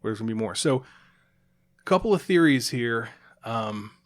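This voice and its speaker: Podcast co-host, male, mid-pitched, chatty and explanatory, loose and joking. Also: lively intonation, moderate pace. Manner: chatty, explaining at length with fillers and restarts. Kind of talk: casual chat.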